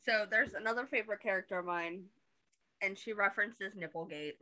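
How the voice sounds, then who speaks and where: A woman's voice: medium pitch, brisk, bright, forceful tone, poor audio. A woman co-host chatting casually, giggly and bubbly. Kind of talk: casual chat.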